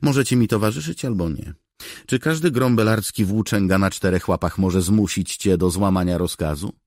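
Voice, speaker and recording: A man's voice: low voice, normal speed, darkish tone, dry recording, clean studio sound, voice pushed up. A man voicing a stubborn young woman officer who speaks curtly and coldly in an audiobook. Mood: defiant. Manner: curt, cold and determined. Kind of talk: audiobook character voice.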